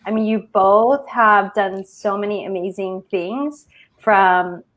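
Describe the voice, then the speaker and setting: A woman's voice: medium pitch, slow, poor audio. A woman hosting an interview, asking questions with enthusiasm and stumbling over frequent restarts. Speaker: podcast host.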